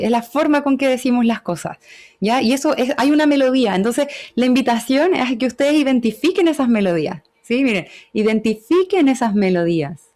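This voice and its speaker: A woman's voice: a little high, a little mellow. Woman lecturing on a video call. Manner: explanatory, often checks in with short tag questions. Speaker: webinar speaker. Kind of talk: online lecture on communication.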